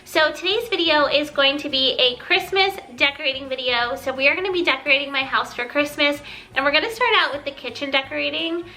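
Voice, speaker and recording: Sick and congested, a home decor vlogger hosts a casual video in a high, fairly quick, sharp-toned voice that sounds nasal and stuffed up. She chats upbeat, though the recording quality is low.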